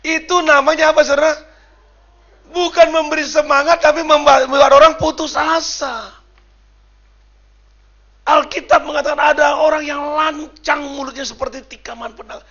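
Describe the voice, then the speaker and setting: A male preacher from Sumatra, animated, shouting for emphasis and acting out what people say. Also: extremely high pitch, moderate pace, lo-fi sound. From Sumatra, Indonesia. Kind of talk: sermon.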